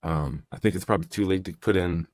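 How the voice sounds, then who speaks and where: A man's voice: sits low, quick pace, darkish tone, no echo. A young man hosting a casual podcast, easygoing and rambling, reading listener comments aloud. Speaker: podcast host, professor.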